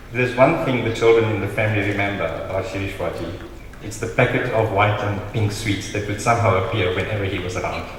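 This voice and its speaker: A man with a South African accent reading a prepared eulogy in a solemn, measured way, as a member of the family. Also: lowish voice. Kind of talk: prepared funeral eulogy read aloud. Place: large reverberant hall. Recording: very echoey hall, distant mic, noisy.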